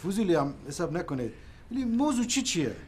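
A man's voice: sits high, big pitch swings, darkish tone, a little hiss or hum. An actor playing a male hotel owner who speaks courteously and deferentially.

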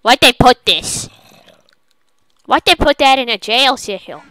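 Goofy high-voiced woman playing a game. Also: takes it slowly, heavy background noise. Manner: silly, goofy, excitable, jokey. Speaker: gaming channel host. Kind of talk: let's play commentary.

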